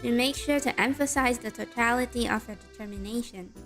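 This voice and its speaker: A woman's voice: on the high side, fairly quick, a bit bright. A woman streaming a game, moving between reading narration aloud and casual chat with her viewers. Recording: background music behind voice. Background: game music.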